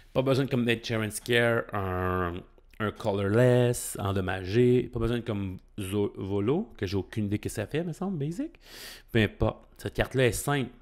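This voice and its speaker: A middle-aged man with a Québécois French accent, giving excitable, casual commentary while opening trading cards and thinking aloud. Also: fairly low pitch, moderate pace. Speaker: card-opening YouTuber.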